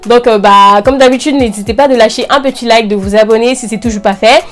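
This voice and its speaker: Speaking fast in a high-leaning voice, an enthusiastic young anime fan who hosts a review channel chats informally with her viewers, tossing out slang as she recommends shows.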